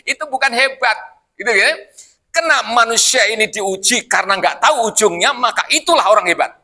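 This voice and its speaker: A man's voice: very high-pitched, animated, normal speed, sharp tone. A man preaching a casual evening Quran study sermon in a mosque, joking and putting questions to the congregation. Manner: jokey, asks the congregation questions.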